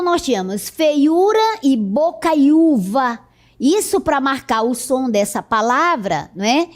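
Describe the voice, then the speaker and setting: Speaking with a Brazilian Portuguese accent, a woman teacher delivers a recorded lesson slowly and patiently, explaining as she goes. She checks in with her students often, asking "certo?". Her voice is high and a little mellow.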